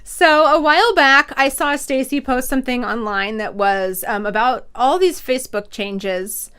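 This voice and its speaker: An excitable woman hosting a podcast, talking to her guest in a loose, chatty way. Her voice sits a little high and sounds smooth and clear, and she gushes with bubbly enthusiasm. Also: measured pace. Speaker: podcast host. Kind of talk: casual interview chat.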